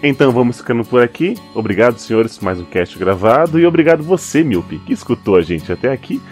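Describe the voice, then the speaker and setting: A man's voice: medium pitch, expressive, fast, darkish tone. A man with a Brazilian Portuguese accent hosting a podcast, speaking playfully and directly to the listener. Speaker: podcast host. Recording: music behind the voice.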